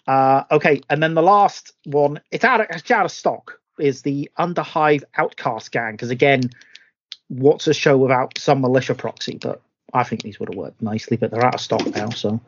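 A man's voice: medium pitch, normal speed, no room sound. Man, podcast host, rambling casual talker, muffled lo-fi audio. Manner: rambling, restarts often. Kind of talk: casual chat about tabletop miniatures. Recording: dull lo-fi sound.

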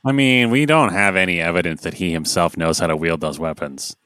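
A man's voice: low voice, a little fast, a bit bright, clear, resonant tone. A man co-hosting a casual podcast, dry and laid-back, recording on his own computer. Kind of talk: casual chat.

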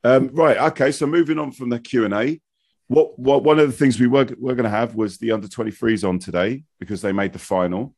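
A man's voice: medium pitch, fairly quick, darkish tone, no echo, studio quality. A man from England hosting a casual football podcast, bantering and teasing his co-hosts. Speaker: podcast host. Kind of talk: casual chat.

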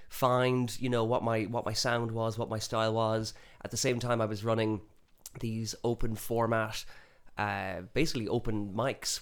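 A man's voice: lowish voice, clear, resonant tone. Enthusiastic west of Ireland man. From Galway, west of Ireland. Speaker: interview guest, musician and performance poet. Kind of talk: casual interview chat.

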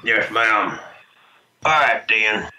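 A man, talking as a trucker over CB radio chatter that cuts into a phone call, in a slow, folksy drawl. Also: lowish voice, lively intonation, sharp tone. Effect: CB radio chatter cutting into a phone call. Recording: echoey, noisy radio transmission.

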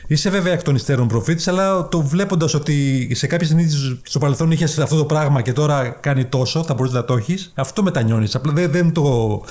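A man's voice: on the high side, few pauses, darkish tone. A man hosting a casual podcast over a remote call, teasing his co-host with playful questions. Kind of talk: casual podcast chat with bloopers.

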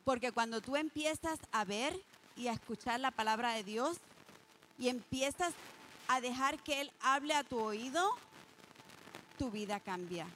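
A woman delivers a sermon in a high voice, earnest and personal, speaking directly to the listener. She reads scripture passages slowly, leaning on key words. A faint background hiss sits under the recording. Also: animated, fairly bright tone, low-quality recording. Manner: reads scripture aloud, slowing for emphasis. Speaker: preacher.

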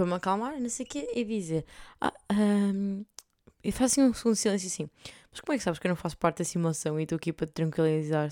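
A woman's voice: lowish voice, darkish tone, no room sound, studio quality. A young adult woman with a European Portuguese accent, telling a rambling story on her podcast, with lots of fillers and casual swearing. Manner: chatty, rambling, heavy filler words and swearing. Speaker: podcast host.

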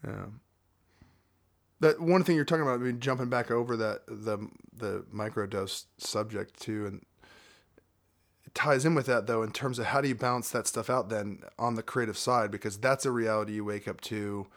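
A man's voice: on the low side, moderate pace. A man hosting a casual conversation, chatty and digressive with frequent fillers.

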